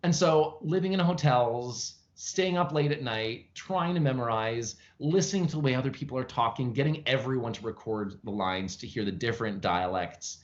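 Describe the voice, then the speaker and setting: Animated, chatty male actor, mid-range voice, dull video-call sound. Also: normal speed, few pauses. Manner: animated storytelling with lively pitch jumps; frequent fillers and restarts, chatty. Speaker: actor, interview guest. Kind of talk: casual interview over video call. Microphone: video call from home.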